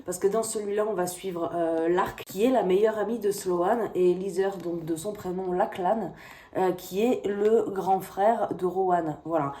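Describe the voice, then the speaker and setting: A woman's voice: mid-range voice, a little slow, mellow. A woman reviewing a book in a chatty, hesitant way, talking straight to the viewer. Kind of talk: casual book review chat.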